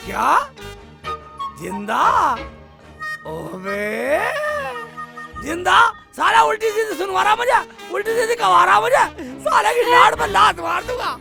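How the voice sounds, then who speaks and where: A man playing wailing, high-pitched Sheikh Chilli. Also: lively intonation, measured pace, creaky, long pauses, full character voice. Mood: indignant. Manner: wailing theatrically, shouting, blubbering. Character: bumbling foolish man Sheikh Chilli, loud and weepy. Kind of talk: low-budget comedy film acting. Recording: background music under dialogue.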